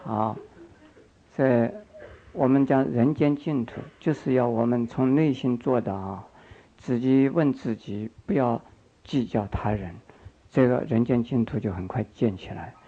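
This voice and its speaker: Here the older monk's voice sits in the mid-range and moves a little slowly as he preaches a Buddhist sermon. He repeats phrases, questions his listeners, and coaxes them along, all on a dull lo-fi recording.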